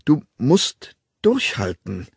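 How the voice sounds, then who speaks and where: A hectoring young woman , put on by a male audiobook reader, who talks down to her friend. The voice rides well above his own and comes out loud and strident, with a raspy edge. It is recorded dry and close. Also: fairly high pitch, huge pitch swings, moderate pace, no room sound, pitched above the performer's own voice, exaggerated voice. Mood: insistent. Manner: emphatic, lecturing, pushy. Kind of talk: audiobook character voice.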